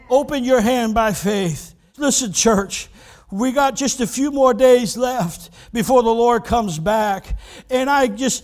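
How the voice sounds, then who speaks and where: A pastor preaching an earnest sermon, urging listeners and voicing their doubts before answering them. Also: male voice, extremely high pitch. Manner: earnest, exhorting, voices imagined objections.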